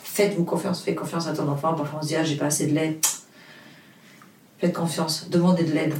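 In a casual interview, a woman from Portugal, an author whose first language is Portuguese, speaks in a low, darkish voice with flat, brisk delivery. The recording sounds roomy and distant with slight background noise. She is earnest and hesitant, often restarting and using fillers.

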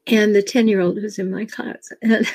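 A woman's voice: mid-range voice, fairly even intonation, moderate pace, vocal fry, a little mellow, slightly rough, no room sound. An older woman, a relationship coach, giving earnest advice and telling personal stories, with a chuckle now and then. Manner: earnest, advising, chuckles as she tells stories. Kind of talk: advice talk with personal anecdotes.

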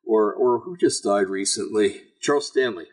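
Gravelly, raspy low-voiced man. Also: moderate pace. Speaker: online show host. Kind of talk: informal religious commentary to a live audience.

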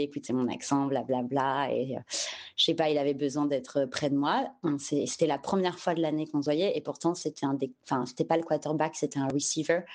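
French woman telling her story on a podcast, low mellow voice, takes her time, drops english words in. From France. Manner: unhurried, searching for words, mixing in English terms. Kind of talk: candid personal storytelling.

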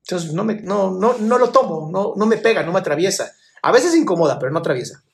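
This live stream host, a man with a somewhat higher-than-average voice, tackles viewers' questions in turn, giving emotional advice in a blunt but loving way and calling people "my love." He's very animated, talks fast, and has a gravelly sound.

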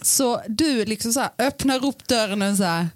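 Teasing, animated woman podcast host. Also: a little high, no echo, studio quality. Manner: teasing, animated storyteller acting out quotes. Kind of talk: casual chat.

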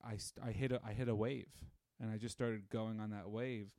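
In a studio-quality recording with no echo, a man in his thirties speaks at a normal pace in a lowish voice. He's a podcast guest in casual chat, telling stories animatedly and using lots of fillers.

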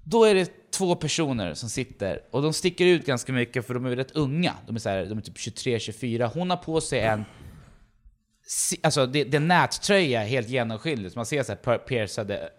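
A young man in casual podcast chat, telling a comic story and acting out the voices of the people in it. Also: mid-range voice. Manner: animated storytelling, acts out quoted voices; swears casually.

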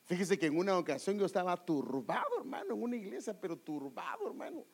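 Man, preacher, sermon, high voice, very lively swooping pitch, emphatic, rhetorical questions. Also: fast talker, slightly rough. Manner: emphatic, keeps calling listeners "hermano", rhetorical questions.

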